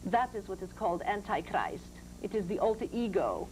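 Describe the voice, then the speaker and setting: Seance medium in a trance, high formal otherworldly spirit voice, grand n deliberate, noisy old tv tape. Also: male voice, sing-song. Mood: solemn teaching. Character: serene, grand otherworldly spirit teacher of light. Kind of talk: trance channeling, preaching spiritual teachings.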